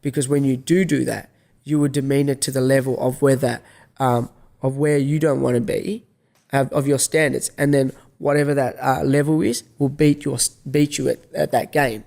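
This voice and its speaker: A man's voice: medium pitch, fairly even intonation, moderate pace, gravelly, a little mellow. A middle-aged man telling a story in a casual monologue, rambling with restarts and swearing. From Australia. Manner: rambling, frequent restarts and swearing, acts out dialogue. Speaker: vlogger.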